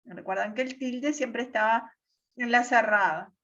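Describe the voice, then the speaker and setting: A woman teacher explains step by step on a video call, pausing often to check that the class follows. Her voice sits high and her pace is unhurried. The audio is dull and lo-fi. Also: a bit bright. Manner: patient, repeats "¿tá?" checks.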